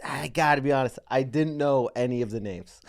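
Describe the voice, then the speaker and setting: A man's voice: mid-range voice, brisk. A man co-hosting a podcast in casual chat, joking crudely and animatedly. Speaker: podcast co-host.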